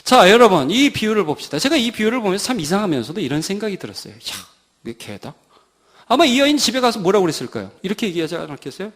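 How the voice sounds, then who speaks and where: A male pastor preaching with a strikingly high voice that leaps and falls across a wide range. He delivers the sermon dramatically, building to loud peaks before sinking into hushed, intimate passages. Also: very animated, rapid-fire, few pauses.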